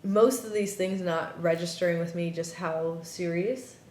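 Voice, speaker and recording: A woman's voice: fairly even intonation, measured pace, a little mellow. A woman telling a personal story in conversation, animatedly acting out the quoted dialogue. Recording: roomy echo with faint rumble.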